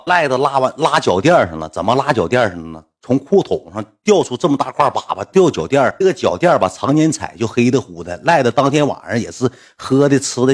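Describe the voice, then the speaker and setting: A man with a Northeastern Mandarin accent tells a rambling, colloquial story to his livestream audience. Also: medium pitch. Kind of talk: casual spoken storytelling.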